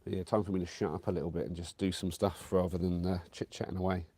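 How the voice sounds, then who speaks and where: A slight hiss or hum sits under this man's low-pitched, level voice as he speaks quickly. Streaming live from his camper van with a bit of a cold, he rambles in a warm, chatty way to viewers, leaning on fillers and frequent restarts.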